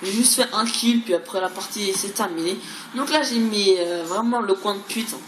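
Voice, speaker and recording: A woman's voice: mid-range voice, moderate pace. A woman giving casual, rambling gameplay commentary, stammering over and repeating words, with some mild swearing. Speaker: gaming video creator. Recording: roomy echo, clearly noisy background.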